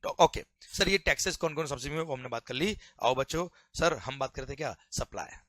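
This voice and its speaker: A man with an Indian accent teaching a tax lecture to students, animated and jokey, mixing English terms into his talk and keeping check that they follow. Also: medium pitch, a little fast, dry recording. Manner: keeps asking "is it clear?". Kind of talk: classroom lecture.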